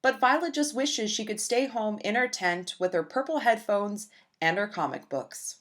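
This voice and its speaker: In a medium pitch and at a moderate pace, a woman gently and expressively reads a children's picture book aloud.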